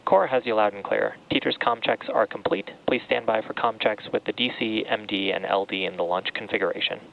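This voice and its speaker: A man's voice: fairly low pitch, fairly even intonation, a little fast, creaky. A man working as a mission controller, making procedural astronaut radio announcements over a transmission link. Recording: tinny narrow-band radio, faint noise.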